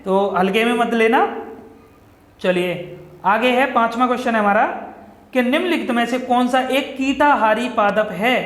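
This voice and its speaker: A man's voice: very high-pitched, a bit bright. A man teaching exam-prep science to viewers, often checking in and asking then answering his own questions. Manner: repeats "ठीक है दोस्तों" often, asks and answers own questions. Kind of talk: explaining quiz questions to viewers. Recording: echoey room with long reverb.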